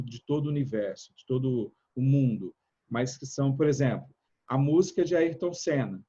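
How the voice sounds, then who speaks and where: A man giving a live online chat talk about communication and speaking to audiences, energetic and shifting between fast and slow, loud and soft. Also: fairly high pitch, husky, dull audio. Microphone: video call.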